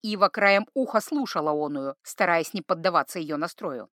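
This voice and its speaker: A woman narrating a fantasy audiobook in an expressive, melodic reading style. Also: lowish voice, normal speed, no echo, studio quality. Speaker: audiobook reader. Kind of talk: storybook narration.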